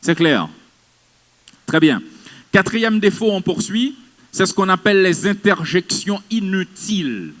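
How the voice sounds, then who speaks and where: A man lectures a class on speaking in public. His voice sits high and moves around a lot, stressing each point and turning to the audience with questions. A long reverb from a large hall follows every phrase. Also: sing-song, a little slow, long pauses, fairly bright tone.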